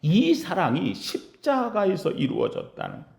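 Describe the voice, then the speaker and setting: A man preaching a Sunday sermon as pastor in a church sanctuary, asking the congregation questions and answering them himself, swinging between loud cries and hushed low lines. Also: huge pitch swings, normal speed, gravelly, echoey room.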